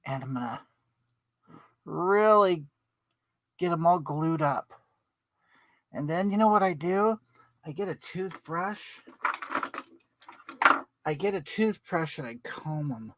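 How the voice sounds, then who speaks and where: Here the performer's medium-pitched voice is expressive but slow, broken by long pauses, and the recording is dry. She's playing a brash older woman who hosts a makeup livestream, chatting and greeting viewers by name for comic effect.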